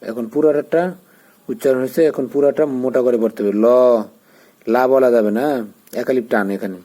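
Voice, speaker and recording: A man teaches Quran recitation, spelling out each letter and vowel mark one by one. His voice is warm and dark at an everyday pitch. He talks in a patient, repeating way. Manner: patient, repeats syllables slowly, gives pronunciation pointers.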